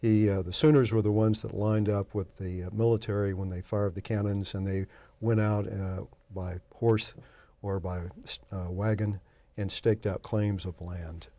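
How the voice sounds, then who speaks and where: Low-voiced older man from Oklahoma. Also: level tone, mellow. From Oklahoma, USA. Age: 60s. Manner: thoughtful, halting with fillers. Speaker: interview guest. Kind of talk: conversational interview answers.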